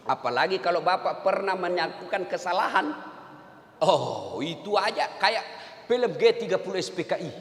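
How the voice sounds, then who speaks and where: A man preaching a humorous sermon with an animated, joking manner and bursts of shouting. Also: high voice, moderate pace, a little hiss or hum. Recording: echoey hall with long reverb.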